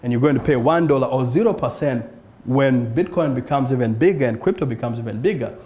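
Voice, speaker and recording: Speaking a little fast, a man from South Sudan pitches his startup at a conference before an audience in an event room. His voice is mellow and a bit dark, earnest, with pitch rising on rhetorical questions. The recording is muffled.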